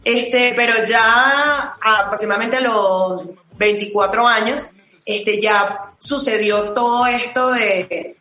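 Mujer venezolana de voz algo aguda, en sala con eco. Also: female voice, on the high side, slow pace, pushed and bright, echoey room, faint music behind, rough recording. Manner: thoughtful, many fillers and restarts. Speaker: singer-songwriter guest. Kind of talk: interview answers.

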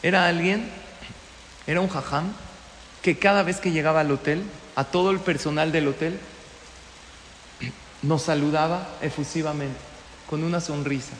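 A man giving a storytelling sermon, an animated teacher who keeps asking his listeners questions. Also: a little high, normal speed, pauses often, a little hiss or hum. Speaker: religious teacher. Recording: echoey hall with long reverb.

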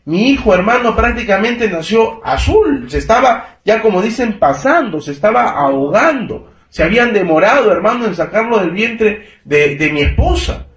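A man in his thirties delivers an emphatic sermon in a fairly high voice. He keeps calling his listeners brother and checking that they follow him. The sound is roomy and echoing, as in a church. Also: expressive, normal speed, few pauses. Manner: emphatic preaching. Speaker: preacher. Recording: echoey room.

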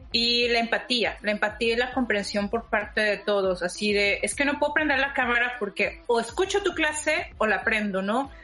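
A woman teacher, reflecting slowly and wistfully on her classes. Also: medium pitch, pushed and bright. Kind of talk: casual testimonial.

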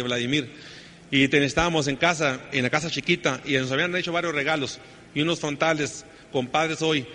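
Mexican guy giving a pep talk, kinda high and bright voice, big echoey hall w/ faint hiss. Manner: storytelling, acts out family dialogue, many restarts. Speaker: motivational speaker. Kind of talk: motivational talk with personal stories.

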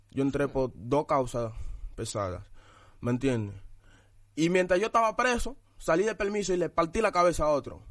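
A man's voice: mid-range voice, no echo, studio quality. A young man, a rapper guest in a casual interview, talking bluntly and toughly with repeated tag questions.

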